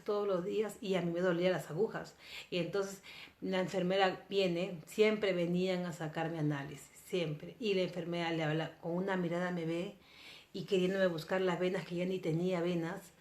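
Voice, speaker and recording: A woman from Peru, telling a personal story to camera in an earnest, emotional way, her volume swinging between soft and intense. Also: on the low side, fairly even intonation, normal speed. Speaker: vlogger. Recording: roomy echoing room.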